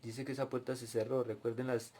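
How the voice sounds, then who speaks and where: Dark-voiced man preaching a testimony. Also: medium pitch, level tone, brisk. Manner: storytelling, addresses listeners directly. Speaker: preacher at a cell group. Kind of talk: testimony and Bible teaching.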